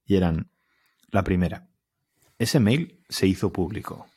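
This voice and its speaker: A man's voice: deep voice, expressive, unhurried, dark tone, slightly rough. A man in his thirties with a Spanish accent, co-hosting a podcast and telling a long, rambling anecdote in easy casual chat. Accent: Spanish from Spain. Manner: rambling, easygoing storytelling with fillers. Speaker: podcast co-host.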